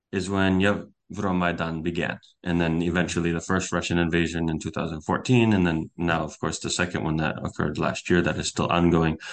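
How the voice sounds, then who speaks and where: Speaking as a podcast interview guest, the young journalist from the US has a flat, low-pitched voice. He explains earnestly and sometimes backs up to restart a phrase.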